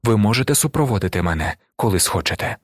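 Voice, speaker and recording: Calm, humble man pleading in a low, hushed voice, as a male reader puts him on; dry studio read. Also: fast, no echo. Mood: pleading quietly. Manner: low, quiet, earnest. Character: calm, humble middle-aged man under arrest. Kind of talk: audiobook reading.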